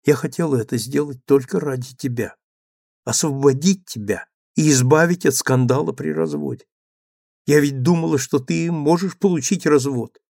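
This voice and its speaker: A man's voice: a little high, moderate pace, gravelly, darkish tone, no room sound, studio quality. A man reading as a meek, remorseful young woman. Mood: pleading. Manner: pleading, trembling. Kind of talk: audiobook character reading.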